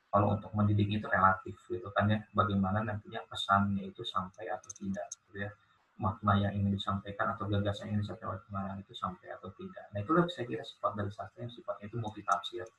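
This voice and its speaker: A man's voice: on the low side, sharp tone, dull audio, slight background noise. A man lecturing to university students, explaining patiently with many fillers and tag questions. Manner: hesitant, many fillers and "gitu kan ya" tags.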